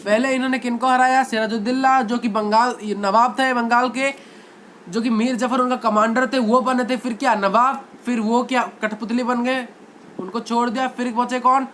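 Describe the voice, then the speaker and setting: A man's voice: very high voice, steady tone, moderate pace, a bit bright, slight background noise. A male teacher giving a history lecture, constantly asking questions and answering them himself, repeating key words for emphasis.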